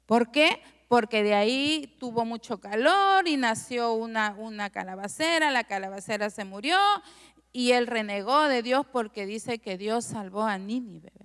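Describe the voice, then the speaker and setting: A woman's voice: fairly high pitch, expressive, measured pace, a bit bright, clear, resonant tone, in a large hall. A middle-aged woman pastor preaching a conversational sermon, often asking the congregation short tag questions. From Peru. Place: church.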